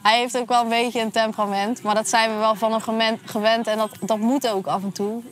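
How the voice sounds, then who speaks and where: A woman's voice: fairly high pitch, little pitch movement, a little fast, a little hiss or hum. A woman football player speaking steadily and reflectively in a documentary interview.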